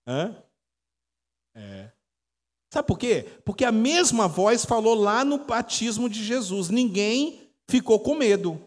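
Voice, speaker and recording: A Brazilian man in his forties, a pastor giving a chatty teaching sermon, telling stories and quizzing his congregation. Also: sits high. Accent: Brazilian Portuguese. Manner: chatty storytelling, quizzes the audience. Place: church hall. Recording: echoey church hall.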